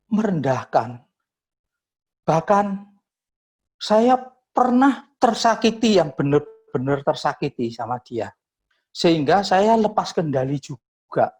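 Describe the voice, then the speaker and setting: A man gives a personal testimony at a morning prayer gathering, speaking at a slow, unhurried pace. He tells his story with frequent pauses and addresses the listeners as brothers and sisters. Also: a little high, darkish tone. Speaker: church member giving a testimony.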